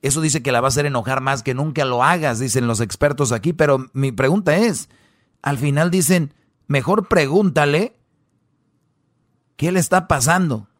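A man's voice: mid-range voice, fairly quick, dry recording, clean studio sound. Crude, mocking Mexican male host. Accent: Mexican Spanish. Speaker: show host. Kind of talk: comedic commentary on a web article.

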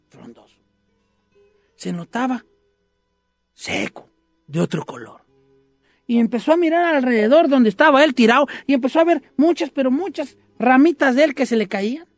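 A woman narrating a dark children's story in an expressive way. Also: high voice, normal speed, long pauses, dry recording, soft background music. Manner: dramatic, expressive telling.

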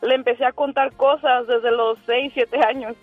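A woman's voice: high voice, fairly even intonation, normal speed, soft background music. A woman in her forties calling in by phone, nervous and giggly, telling a story in a rambling way with many restarts. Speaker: caller. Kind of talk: phone-in call, chatty storytelling. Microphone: telephone. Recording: tinny phone line.

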